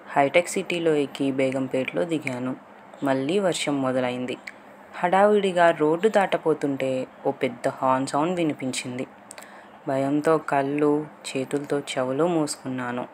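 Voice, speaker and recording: A woman narrating a first-person love story in a calm, measured storytelling voice. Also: rumbling low, slight background noise.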